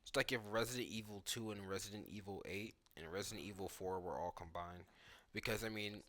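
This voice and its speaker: Brisk and fairly bright, a man with a lowish voice comments offhand on a video game as a content creator reacting to cutscenes and gameplay. His thoughts come out informally, spoken aloud, with frequent uses of "like."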